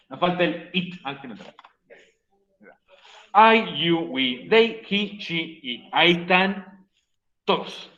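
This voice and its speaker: A high, bright male teacher explains grammar to his online class, teasing students and repeating each rule. The sound is roomy, with a dull, lo-fi stream quality. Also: animated, very slow, pauses often. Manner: playful, joking with students; repeats key points for the class. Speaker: English teacher.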